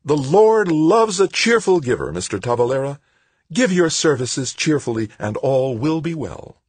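A man performs an audiobook character: a plump, fortyish woman official who is falsely cheerful, pious and patronizing, talking as if to a small child. His raised, husky voice lilts sing-song with wildly swooping pitch, syrupy and condescending like a schoolteacher, at a moderate pace. Slightly mellow, heavily acted, with no room sound, the tone is sweetly smug.

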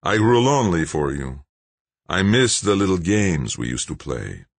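A man voicing a smooth, controlling middle-aged male crime boss who threatens softly. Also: low voice, sing-song, unhurried, no room sound, full character voice. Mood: coaxing.

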